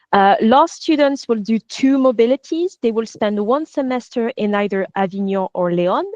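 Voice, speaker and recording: A woman's voice: mid-range voice, a little mellow, no room sound. Irish woman, program coordinator, dry close sound, muffled video call audio. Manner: friendly, explanatory, with frequent "uh" fillers. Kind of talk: online presentation.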